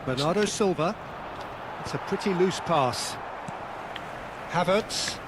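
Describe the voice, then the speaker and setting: A man giving broadcast-style football play-by-play commentary in a lively, energetic manner. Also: high voice, takes it slowly, noisy background. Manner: lively, building to excited calls.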